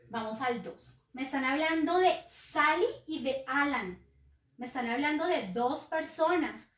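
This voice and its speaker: Woman teacher, high voice, unhurried patient delivery for children, roomy echo, voice set back from the mic. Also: far from the mic. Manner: slow, patient explaining, addresses pupils as children. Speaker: English teacher. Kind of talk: recorded classroom lesson.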